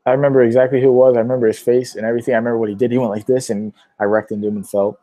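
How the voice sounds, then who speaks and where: A man's voice: medium pitch, level tone, very fast, warm tone, no echo. A young man from Pennsylvania chatting casually on a livestream, answering viewer questions with lots of fillers and a sore throat. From Pittsburgh, Pennsylvania. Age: young adult. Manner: rambling, many fillers.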